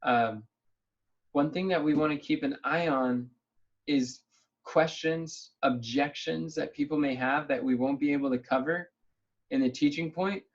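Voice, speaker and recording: A man's voice: on the high side, measured pace. Man leading a lo-fi online planning call. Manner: thinking aloud, upbeat. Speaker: meeting leader. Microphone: video call. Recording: dull lo-fi call audio.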